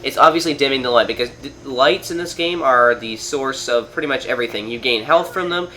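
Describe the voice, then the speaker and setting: Playing a video game on his TV at home, a gaming video host from Canada talks with a nasal, cold-affected voice that is mid-range, bright, and forceful, moving a little fast. His commentary is loose and rambling, packed with fillers and restarts, over slight background noise.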